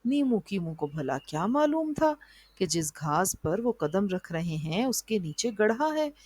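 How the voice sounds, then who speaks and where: A woman narrating a children's moral story in an even storybook reading style. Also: mid-range voice, a little slow, breathy edge, no room sound, clean studio sound.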